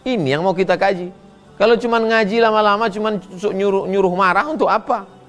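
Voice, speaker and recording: A middle-aged man, a preacher answering listeners' questions in a humorous, animated sermon. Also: high voice, fairly quick, soft background music. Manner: humorous, animated, acts out quoted voices; reads listeners' questions aloud, then answers.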